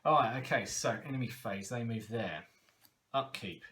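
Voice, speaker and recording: A man's voice: medium pitch, normal speed, fairly bright tone. A man talking through a card game as he plays, laughing often and talking to himself. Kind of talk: casual game playthrough commentary.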